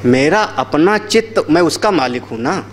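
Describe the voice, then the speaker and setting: A man with a slightly high voice gives a spiritual discourse as a swami. He explains each term carefully and repeats key words. He often checks with his listeners through short rhetorical questions, with a faint background hiss. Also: animated, normal speed. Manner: uses everyday anecdotes with acted voices. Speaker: swami teaching yoga philosophy.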